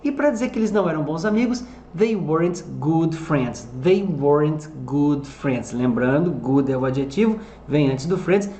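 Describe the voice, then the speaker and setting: A teacher with a Brazilian accent giving an online English lesson, saying model sentences slowly and repeating them between quick explanations. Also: medium pitch, a little mellow, slight background noise. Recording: echoey room.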